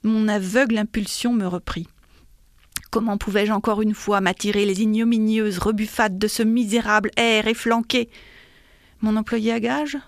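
A woman audiobook reader with a mid-range voice narrates a classic novella from a script, reading in a measured, expressive way. The recording is clean studio sound with no room sound.

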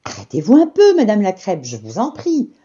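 A woman voicing a sly, pleading cat in a storybook, mewing in a high voice. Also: huge pitch swings, normal speed, mellow, muffled recording. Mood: wheedling.

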